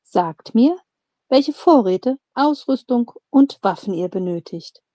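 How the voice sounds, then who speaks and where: A woman's voice: on the high side, expressive, takes it slowly, warm tone, no room sound. A woman reading the lines of a helpful female dwarf quartermaster in an audiobook, courteous and businesslike.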